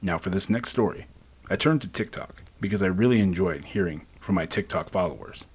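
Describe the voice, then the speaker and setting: Deep, husky-voiced man telling urban legends. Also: brisk. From southwestern United States, Navajo Nation. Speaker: podcast host. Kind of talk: urban legend storytelling, conversational podcast narration.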